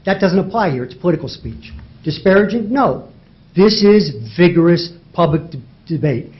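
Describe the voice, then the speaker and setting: A man addresses a judge in a courtroom oral argument, his voice pitched high for a man. He drives his case with rhetorical questions and repeats key words for emphasis. The recording is dull and lo-fi. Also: lively intonation, normal speed. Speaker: lawyer arguing in federal court.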